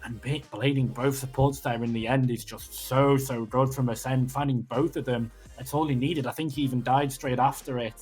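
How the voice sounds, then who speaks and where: A man with a slightly husky voice calls a live esports match with loud, breathless excitement and the odd curse. Faint music sits quietly underneath his commentary. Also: mid-range voice, normal speed, hardly any pauses. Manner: excitable, swears, breathless after a close game. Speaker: esports caster.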